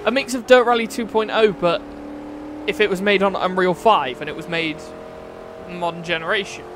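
A young British man with a fairly high voice chats through a live stream of a racing game. He talks loosely and crudely, swears and laughs at his own jokes. Car engines from the game roar loudly behind him. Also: moderate pace, background noise. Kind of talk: live-stream commentary while playing. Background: car engine sounds from the game.

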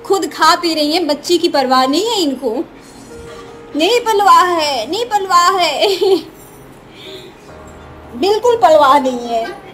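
A woman talks to her young niece in a cooing, sing-song baby voice during a casual vlog at the family home, narrating her day. Her very high-pitched voice is animated and fairly bright, slow-paced with long pauses, and soft music plays underneath.

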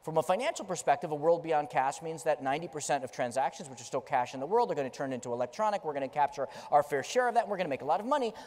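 Pacing and gesturing on a big conference stage, a middle-aged keynote speaker tells stories with strong emphasis. His slightly high, darkish voice has lively intonation and comes very fast with hardly any pauses, echoing in the long reverb of a large hall.

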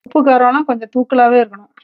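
A woman hosting a home cooking channel, calmly walking through each step and ingredient. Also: on the high side, fast talker, narrow, tinny audio, slight background noise. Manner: calm, instructive, listing ingredients steadily. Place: home kitchen.

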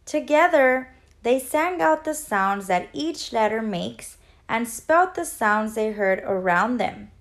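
A woman teacher reading a children's picture book aloud in an expressive, gentle storytelling manner. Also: on the high side, takes it slowly.

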